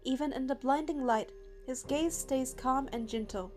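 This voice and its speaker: At a normal speed, a high-voiced woman expressively reads story narration as a player working through a game, with soft music in the background.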